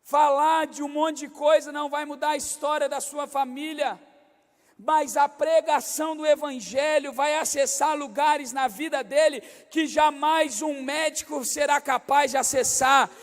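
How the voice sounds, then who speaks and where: High-voiced Brazilian pastor preaching in a hall. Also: male voice, fairly even intonation, a little slow. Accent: Brazilian Portuguese, Rio de Janeiro state. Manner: swings from quiet, confiding asides to loud, shouted preaching. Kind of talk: sermon. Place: large church hall. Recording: long hall reverb.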